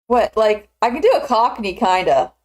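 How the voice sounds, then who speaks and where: A woman's voice: on the high side, expressive, normal speed, a little mellow. A woman in her twenties from the American South, chatting casually as a streamer while she works, rambling with lots of filler words. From Southern United States. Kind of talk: casual chat while 3D modeling.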